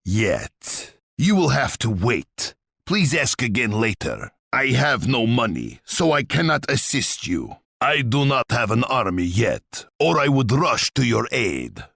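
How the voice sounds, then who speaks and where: A gleeful, menacing tsar for a video game. The voice is gravelly and husky. It swoops dramatically up and down, pompous and relishing its own threats. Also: male voice, mid-range voice, sing-song, a little slow, few pauses, a bit bright, no room sound, studio quality, full character voice. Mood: curt, imperious. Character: boastful, menacing Russian tsar and warlord, imperious and gleeful. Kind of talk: video game character voice lines.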